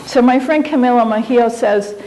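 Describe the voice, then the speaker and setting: A woman's voice: fairly high pitch, normal speed, warm tone, low-quality recording. A woman from Japan giving a conference lecture in an auditorium, speaking reflectively and conversationally as she searches for her words.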